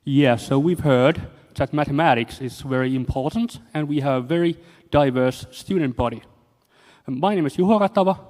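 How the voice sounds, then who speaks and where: A man giving a short poster pitch at a conference with a jokey, mock-preacher tone. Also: normal speed, a little mellow. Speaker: conference presenter. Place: conference hall. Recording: echoey lecture hall.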